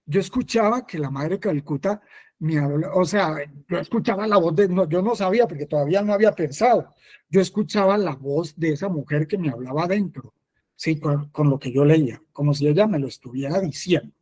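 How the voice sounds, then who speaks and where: A man's voice: on the high side, brisk, darkish tone. A man, a friar, telling a personal testimony in a conversational catechesis, repeating phrases and often affirming himself.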